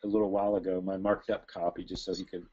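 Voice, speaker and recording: Low raspy-ish husky guy on a thesis committee, halting, muffled call sound. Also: little pitch movement, warm tone. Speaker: academic thesis committee reviewer. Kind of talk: thesis defense discussion. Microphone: remote call. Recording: dull, muffled lo-fi call audio.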